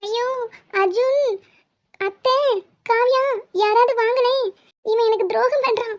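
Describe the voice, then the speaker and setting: A woman voicing a jealous, dramatic young wife in an animated comedy, whiny and accusing. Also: extremely high pitch, normal speed, no echo. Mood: wailing. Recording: dull lo-fi sound.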